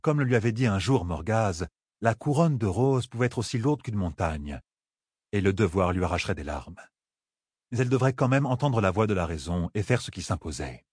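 Lively, husky male audiobook narrator. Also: on the low side, moderate pace, no echo, studio quality. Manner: lively, expressive reading. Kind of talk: scripted fantasy narration.

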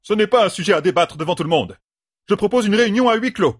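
A man reading an audiobook, voicing a nervous, enraged woman who shouts her objections. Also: sits high, lively intonation, fast, voice pushed up. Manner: shouting, agitated.

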